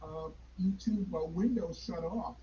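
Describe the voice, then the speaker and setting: A man on a video call, his halting voice heard again as a faint delayed echo from a second device. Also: on the high side. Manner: hesitant, halting with fillers. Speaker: remote caller joining a video call. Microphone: computer video call audio. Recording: dull lo-fi call line with loud noise.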